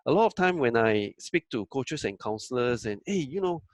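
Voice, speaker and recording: A man's voice: mid-range voice, lively intonation, moderate pace, no room sound, low-quality recording. A man giving a training talk as a business coach, conversational and full of fillers, often acting out what others say. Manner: conversational, acts out quoted dialogue, frequent fillers.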